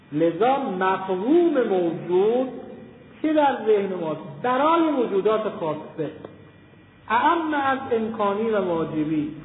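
A man giving a classroom philosophy lecture, slowing down and stressing key terms as he explains step by step. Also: high-pitched, slight background noise. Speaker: teacher of Islamic philosophy. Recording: tinny, echoey hall recording.

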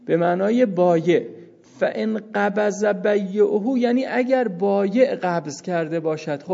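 A man's voice: high-pitched, gravelly, warm tone. A man teaching a jurisprudence lesson in a seminary, explaining step by step and asking and answering his own questions. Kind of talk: jurisprudence lecture. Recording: dull lo-fi sound with long reverb.

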